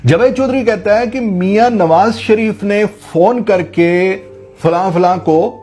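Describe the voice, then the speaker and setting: A man's voice: high-pitched, takes it slowly, a little mellow, faint music behind. A man from Pakistan giving an impassioned, sarcastic political commentary full of rhetorical questions.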